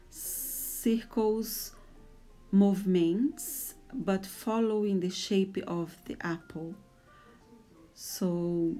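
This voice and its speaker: Speaking English with a Brazilian Portuguese accent, this Brazilian woman in her forties works as an art tutor and walks through a drawing tutorial. She talks softly in a mid-range voice, a bit hesitant and nervous.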